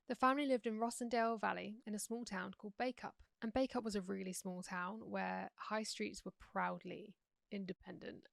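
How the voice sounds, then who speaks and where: Brief: young English woman, true crime host, gravelly croaky voice, close dry mic, earnest and chatty. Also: mid-range voice, no echo. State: sore throat, croaky. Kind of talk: casual true crime narration.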